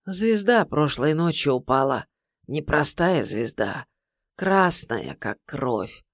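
A reader voicing an old blind sorcerer who speaks slowly, weightily and solemnly. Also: mid-range voice, expressive, no room sound, clean studio sound, pitched below the performer's own voice. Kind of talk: audiobook character voice.

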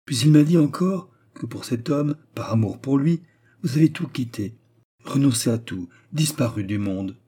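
Male reader doing a scheming young woman, falsely devoted; pitched up, pleading, dark husky timbre. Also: expressive, normal speed. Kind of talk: audiobook character reading.

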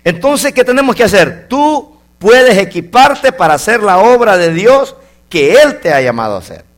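A male preacher delivers an animated sermon. His voice sits high and moves widely, rising to loud exclamations and sinking into quiet asides. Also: moderate pace.

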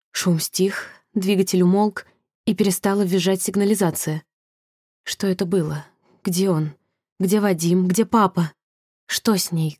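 Dark-voiced woman reading a thriller. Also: mid-range voice, no echo, clean studio sound. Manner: measured, tense storytelling. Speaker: audiobook reader. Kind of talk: scripted thriller narration.

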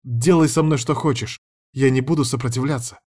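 A man's voice: medium pitch, fairly even intonation, a little fast, a little mellow, natural voice. A man voicing a pleading woman director. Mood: eager. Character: adult woman, submissive, pleading school director.

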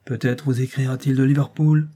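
A man's voice: medium pitch, little pitch movement, brisk, warm tone, natural voice. A man voicing a whining, self-pitying old grandfather in an audiobook, complaining and ingratiating.

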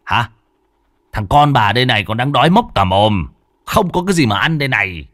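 A man voicing a drunk, abusive young son who sneers and shouts at his mother. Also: mid-range voice, big pitch swings, a little fast, no room sound, clean studio sound. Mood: sneering rage.

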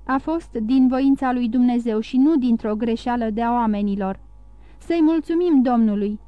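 A woman voicing a dignified, grieving older shipowner who speaks gently and formally in a storybook reading. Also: a little high, no room sound, dull audio, natural voice. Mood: sadly grateful.

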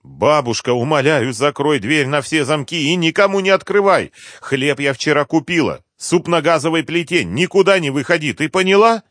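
A man's voice: a little high, moderate pace, hardly any pauses, fairly bright tone, dry recording, clean studio sound, pitched above the performer's own voice, natural voice. A man reading an audiobook, voicing a frantic young woman who urgently pleads with her grandmother. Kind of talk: audiobook character voice.

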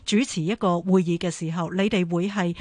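Brisk Hong Kong Cantonese woman host. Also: on the low side, steady tone, mellow, dry recording. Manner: brisk, probing questions. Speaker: radio phone-in host. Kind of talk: radio phone-in hosting.

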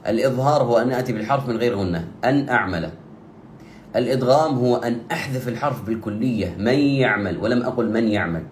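A man teaching Quran recitation rules, explaining steadily and slowing down for drawn-out recited examples. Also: mid-range voice, reverberant, a little hiss or hum. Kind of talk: tajweed lesson with slow demonstrations.

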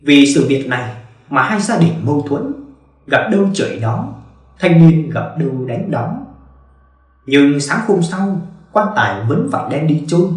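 A man narrating a ghost story, telling it in an expressive, dramatic way. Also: on the high side. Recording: very echoey room, distant mic.

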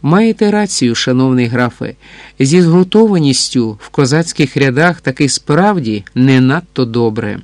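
A man's voice: mid-range voice, expressive, no echo, natural voice. A man reading as a proud, guarded Cossack chevalier. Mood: earnest. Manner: formal, measured. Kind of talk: audiobook dialogue reading.

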